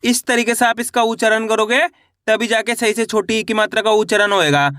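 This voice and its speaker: A man with a high, bright voice gives a patient beginner lesson. He keeps asking questions and answering them himself, repeating each point. The sound is close and dry, with no room echo. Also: fairly even intonation, brisk. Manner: repetitive, asks and answers own questions. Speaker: Hindi teacher. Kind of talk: online lesson.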